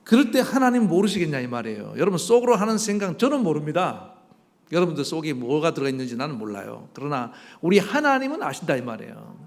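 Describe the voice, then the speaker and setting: Gravelly-voiced man preaching a sermon. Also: fairly high pitch, fast talker, in a large hall. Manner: animated preaching, acting out quoted voices, rhetorical questions. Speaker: pastor. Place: church sanctuary.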